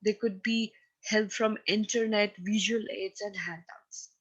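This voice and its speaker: A woman with a Pakistani accent teaches a recorded lecture on presentation skills, instructive and emphatic, frequently checking that listeners are following. Her medium-pitched voice is husky, fairly even in intonation and unhurried, and the audio has its highs cut off.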